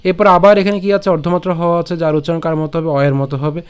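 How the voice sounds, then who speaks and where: A man teaching recitation, breaking words into syllables slowly and patiently and checking in often with his listeners. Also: fairly high pitch, clean tone. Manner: slow, patient syllable-by-syllable drilling with frequent "ঠিক আছে?". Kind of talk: online recitation lesson.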